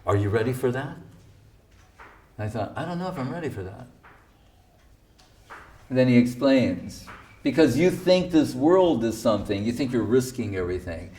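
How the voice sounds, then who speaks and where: A man's voice: mid-range voice, lively intonation, moderate pace, pauses often, dark tone, far from the mic. A man giving an informal spiritual talk, telling stories about his teacher with wry asides. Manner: anecdotal, wry asides, quotes others. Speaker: speaker recounting his guru's teachings.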